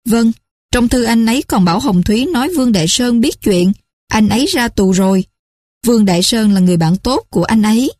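A woman voicing a village accountant, a polite man who speaks in a brisk, matter-of-fact way in a storybook reading. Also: a little high, animated, darkish tone, no room sound.

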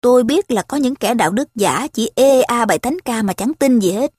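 A woman's voice: fairly high pitch, animated, normal speed, a little mellow, slightly rough, dry recording, studio quality. A woman reading the part of a coaxing adult male slave trader in a spoken story, pressing his sales talk.

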